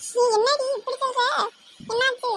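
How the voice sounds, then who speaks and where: A woman's voice: extremely high pitch, fairly even intonation, a bit bright, faint music behind. A woman voicing a bossy teenage girl, the sister, who nags and fires off questions. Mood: nagging. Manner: nagging, rapid questioning.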